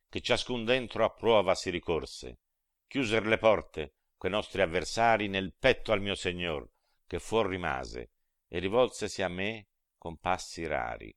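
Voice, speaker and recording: Brief: male reader, solemn verse recitation, deep, unhurried, dry mic. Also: fairly bright tone, no room sound. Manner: solemn, grave declamation of verse. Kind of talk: dramatic poetry recitation.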